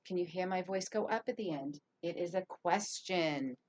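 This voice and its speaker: A woman teaching young children to read sentences and write letters, speaking clearly and encouragingly, drawing out her words. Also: on the low side, normal speed, a little mellow. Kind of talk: early reading and handwriting lesson for young children.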